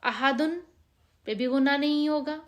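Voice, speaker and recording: A woman with a Pakistani Urdu accent teaching Quran reading, explaining rules step by step and slowly drawing out each practice word. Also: a little high. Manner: patient, drawn-out reading of practice words. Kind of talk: step-by-step recitation lesson.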